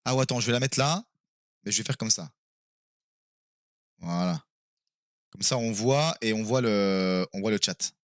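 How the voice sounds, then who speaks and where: A man streaming live and playing a quiz game with his viewers, excitable and quick to exclaim and swear when he is stuck. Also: fairly low pitch, no room sound, clean studio sound.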